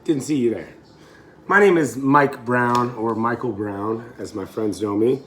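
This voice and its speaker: A man in his thirties with a raspy, throaty voice, hoarse from a recent illness, chatting casually and off the cuff to camera as a fitness vlogger. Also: medium pitch, a little slow, slight background noise. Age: 30s. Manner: informal, rambling, unscripted. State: hoarse, getting over being sick.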